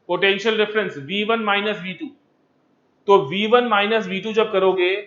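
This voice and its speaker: High-voiced man teaching a lively lesson. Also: lo-fi sound. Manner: coaxing, keeps asking students to answer; mixes English terms into Hindi. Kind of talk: energetic physics lecture. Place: empty classroom.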